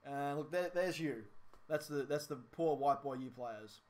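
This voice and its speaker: A man's voice: a little high, a little slow, a little mellow. A young man co-hosting a gaming podcast in casual chat, rambling with plenty of ums and self-corrections.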